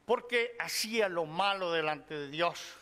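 A middle-aged man preaching a sermon, teaching from the Bible in a measured way and addressing the listeners as brothers. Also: sits high, animated, bright, forceful tone. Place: church hall. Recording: long hall reverb.

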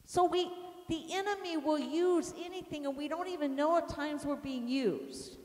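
A woman minister teaches with lively, animated storytelling and acts out what others said. Her voice sits high and bright, and it rings through a large hall with a long reverb. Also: normal speed. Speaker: deliverance minister teaching a class. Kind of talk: teaching sermon with personal stories.

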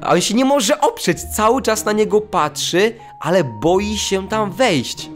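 A man giving excitable let's play commentary, exclaiming and talking to his viewers. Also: high-pitched, measured pace. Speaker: gaming channel host. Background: faint game music.

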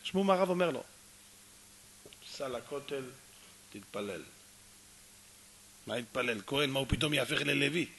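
Male rabbi preaching through a story, bright and sharp, lively delivery. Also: medium pitch, hardly any pauses, a little hiss or hum. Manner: animated, addresses audience often, acts out dialogue. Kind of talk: storytelling sermon.

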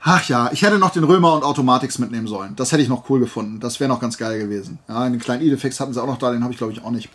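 In a casual flea market haul vlog, the male host tells stories in a colloquial way and acts out snippets of dialogue. His mid-range voice is slightly bright with a breathy edge, and he races along with few pauses. His throat sounds dry and his voice worn from days of talking.

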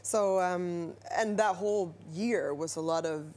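A woman in her thirties from Denmark, an actress and writer, talking in a relaxed, thoughtful way with many fillers as a guest on a TV studio interview. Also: on the low side, unhurried. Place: TV news studio. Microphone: lapel mic.

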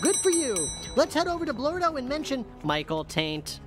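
Perky detective-suit AI. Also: female voice, high-pitched, sing-song, moderate pace. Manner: perky, sing-song, overly upbeat. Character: chipper female suit AI detective helper. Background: game music.

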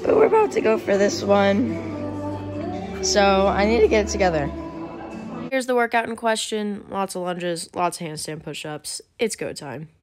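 A young woman chatting candidly in a casual vlog, hoarse from a cold and hard on herself about her workouts. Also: medium pitch, big pitch swings, a little slow, soft background music. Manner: candid, self-critical, laughs often. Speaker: CrossFit athlete vlogger.

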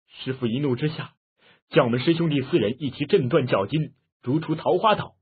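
A man voicing a grieving middle-aged man who laments loudly through tears. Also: mid-range voice, slightly rough. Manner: tearful, loud lamenting. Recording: muffled phone-like lo-fi audio.

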